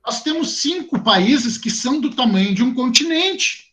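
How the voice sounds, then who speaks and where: A man with a Rio Grande do Sul accent teaching a class, lively and chatty, speaking straight to his students. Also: extremely high pitch, normal speed. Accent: southern Brazilian, Rio Grande do Sul. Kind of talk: online class talk to students.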